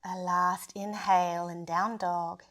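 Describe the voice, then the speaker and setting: A woman leading a yoga flow as instructor, giving breath cues in a steady, measured, gentle cadence. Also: lowish voice.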